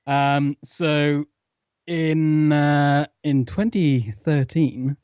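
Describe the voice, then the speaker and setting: A man chatting as a podcast guest from an armchair at home, laid-back and chuckling, halting on fillers. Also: on the high side, steady tone, a little mellow, clean tone, no room sound, clean studio sound. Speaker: podcast guest, radio show admin. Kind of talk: casual chat.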